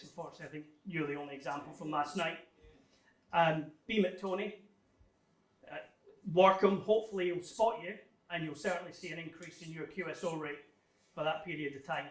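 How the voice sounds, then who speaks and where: A guest speaker addresses an amateur radio club audience indoors, walking through technical slides in a conversational, faintly hesitant manner. His voice runs on the high side with fairly even intonation, and he speaks a little fast. A distant microphone picks him up in an echoey room.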